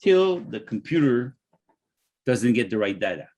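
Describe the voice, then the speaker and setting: Halting man on a podcast. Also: mid-range voice, very animated, darkish tone. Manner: halting, repeats words often. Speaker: podcast host and natural health business owner. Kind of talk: casual podcast chat.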